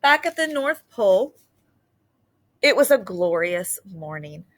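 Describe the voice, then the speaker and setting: A storyteller with a medium-pitched voice, this woman reads a children's picture book aloud. Her performance is animated, with emphasis drawn out on key words.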